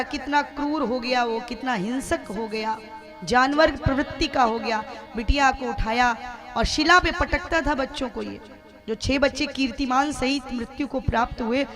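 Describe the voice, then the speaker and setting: A woman telling a devotional story as a sermon, in a dramatic and emotive way. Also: high voice. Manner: dramatic, emotive, voicing characters. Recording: instrumental music behind the voice.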